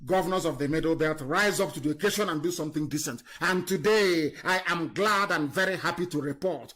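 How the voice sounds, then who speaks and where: A man giving an impassioned political monologue on a live online stream, scornful and fiery, swinging between loud emphasis and low muttering. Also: fairly quick. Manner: fiery, scornful, repetitive insults. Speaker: political broadcaster.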